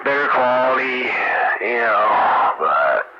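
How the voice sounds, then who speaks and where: A man's voice: medium pitch, sing-song, takes it slowly, loud music behind the voice. A man chatting casually over CB radio, laid-back and profane, often laughing. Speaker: CB radio operator. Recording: muffled radio audio with loud hiss. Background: amplifier fan and static.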